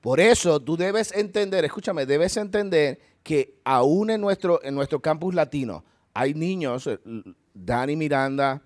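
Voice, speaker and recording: Slightly high yet darkish in tone, the pastor's voice is animated and unhurried, with no echo. Speaking with a Puerto Rican accent, he gives a heartfelt, conversational church talk with side remarks and leads a closing prayer in a church hall.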